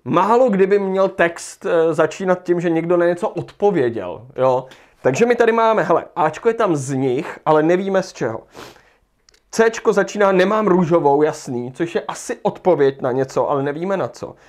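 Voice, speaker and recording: A man's voice: a little high, expressive. A man leading a livestreamed lesson, thinking aloud as he rereads passages and works through an exam task. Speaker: Czech language teacher.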